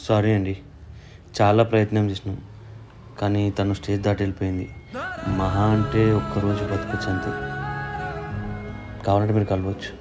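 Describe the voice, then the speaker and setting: An actor playing a somber male doctor who speaks quietly and apologetically. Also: on the low side, monotone, moderate pace, long pauses, over music, natural voice. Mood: grave. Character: somber male doctor giving bad news.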